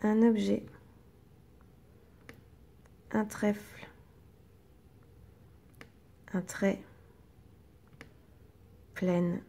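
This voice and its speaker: A woman teacher, slowly and patiently guiding young children through reading exercises and sounding out each syllable. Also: medium pitch, fairly even intonation, creaky, dark tone.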